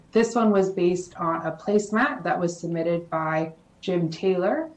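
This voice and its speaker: A woman consultant giving a formal presentation to a city council, explaining plans in a measured way with frequent ums and uhs. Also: on the low side. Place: council chamber. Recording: echoey chamber audio.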